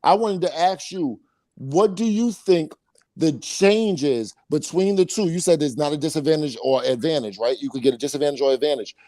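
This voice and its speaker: Excitable argumentative man in his forties. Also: a little high, normal speed, dry recording. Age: 40s. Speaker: panelist. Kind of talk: casual panel chat.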